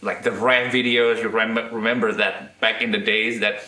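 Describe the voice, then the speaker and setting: A man from Indonesia with an Indonesian accent, chatting as an interview guest, with halting restarts and tag questions. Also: fairly low pitch, flat delivery, sharp tone, roomy sound. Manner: halting, frequent "right?" tags and restarts. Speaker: guest guitarist and electronics restorer. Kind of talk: casual interview chat.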